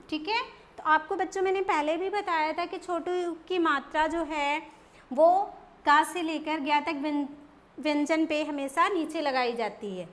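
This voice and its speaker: A woman teaching young children Hindi letter sounds, stretching out each word slowly so they can repeat it. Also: high voice, a bit bright. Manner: slow, drawn-out syllables for children to repeat. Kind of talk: children's Hindi phonics lesson.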